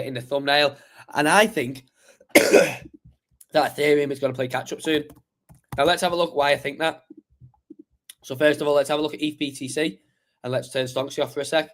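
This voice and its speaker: A man runs a live crypto stream, going over charts in a loose, meandering way packed with fillers and false starts. His mid-pitched voice is a little croaky today and slightly bright.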